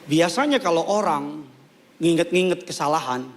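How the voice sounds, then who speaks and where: A male pastor preaching a sermon to a large church congregation, animated and joking, repeating key lines for emphasis. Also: fairly high pitch, moderate pace, a little hiss or hum.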